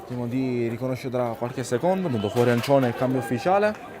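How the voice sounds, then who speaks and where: A man's voice: medium pitch, a little fast. A man giving live play-by-play commentary on a football match. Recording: outdoor stadium crowd noise. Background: crowd at an outdoor ground.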